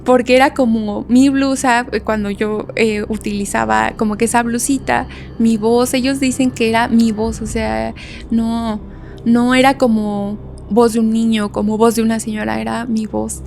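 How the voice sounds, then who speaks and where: A young woman with a Mexican Spanish accent telling a story in a casual podcast chat, animated and laughing often as she acts out voices. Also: on the high side, moderate pace, creaky, soft background music. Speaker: podcast guest.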